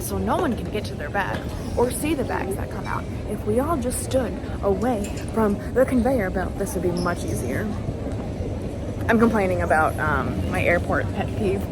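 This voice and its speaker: A woman in her late twenties chatting casually as a travel vlogger, with quick asides. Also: on the low side. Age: late 20s. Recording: noisy public places.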